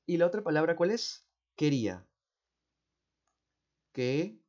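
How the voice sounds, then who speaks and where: Like a patient teacher, a man with a Peruvian Spanish accent explains exam answers step by step, speaking slowly, repeating key words, and often asking "¿no?" and "¿cierto?". His voice is expressive, a little mellow, and somewhat high for a man. The recording sounds dull and muffled.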